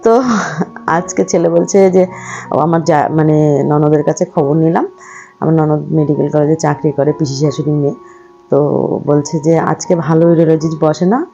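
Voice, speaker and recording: A hoarse, feverish middle-aged woman chatting casually to her viewers in a home vlog and telling a story. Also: deep voice, dark tone, highs cut off. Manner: chatty, addresses viewers as friends, coos at pets. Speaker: vlogger.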